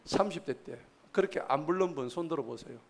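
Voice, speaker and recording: A man's voice: a little high, lively intonation, a little fast, gravelly. A man, preaching a sermon at a church service in a folksy, joking way and quizzing the congregation. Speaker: pastor.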